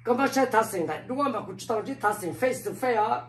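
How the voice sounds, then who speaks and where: This oral history recollection comes from an old man from Laos, an elder storyteller who talks at length and repeats filler phrases often. His voice is extremely high, a little bright, and very fast. Picked up off-mic in an echoey room, the audio carries slight background noise.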